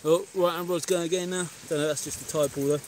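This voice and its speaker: English fishing host, 30s, brisk matter-of-fact live chat, faint outdoor noise behind. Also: male voice, a little high, fairly even intonation, a little mellow. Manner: chatty, matter-of-fact, talks to viewers. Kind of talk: casual live-stream chat. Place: pebble beach outdoors.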